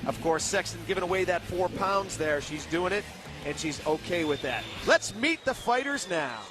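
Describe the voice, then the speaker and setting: A man doing energetic play-by-play commentary for a fight broadcast. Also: high voice, moderate pace, music in the background. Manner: energetic, hyping.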